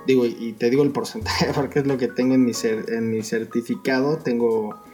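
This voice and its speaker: A man's voice: mid-range voice, steady tone, normal speed, a little mellow, soft background music. A man with a Mexican accent co-hosting casually, joking in crude slang and swearing constantly. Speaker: podcast co-host. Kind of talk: casual chat.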